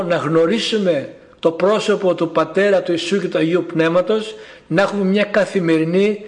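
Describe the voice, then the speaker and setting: A male preacher delivers a sermon in a high-pitched voice. He speaks with fervent conviction, pausing between phrases as he reads scripture aloud.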